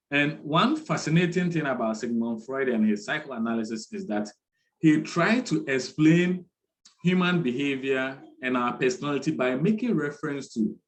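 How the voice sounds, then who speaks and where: Brief: male lecturer, measured and unhurried, repeats key terms, online class. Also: medium pitch, poor audio.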